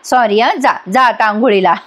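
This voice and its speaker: Mocking, needling young wife, voiced by a woman, fairly high voice. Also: moderate pace, close to an everyday voice. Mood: teasing. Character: teasing, sharp-tongued young wife.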